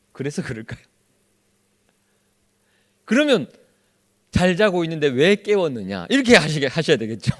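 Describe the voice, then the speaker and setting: Animated questioning male pastor. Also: on the high side. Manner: constantly quizzes the congregation with questions; acts out quoted speech in lively voices. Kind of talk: Bible study sermon.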